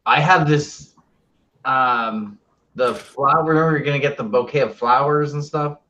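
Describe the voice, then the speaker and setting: A man's voice: medium pitch, moderate pace, bright, forceful tone. A man playing a tabletop game, explaining plans in a matter-of-fact way. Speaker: player. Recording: muffled lo-fi call audio.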